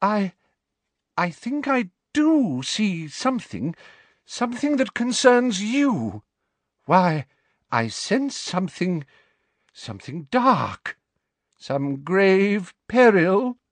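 A man's voice: high-pitched, sing-song, slow, dry recording, voice pushed up, heavily acted. A man voicing an eccentric, indignant female fortune-teller teacher with a shaky, ethereal, dramatic manner. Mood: theatrical, shaking. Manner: resentful, shaky ethereal mystic voice.

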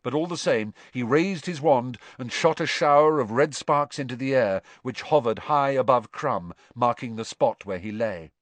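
A man's voice: mid-range voice, normal speed, few pauses, dry recording. A man reading a story aloud as narrator, with dramatic, tense storytelling. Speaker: audiobook narrator. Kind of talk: scripted narration.

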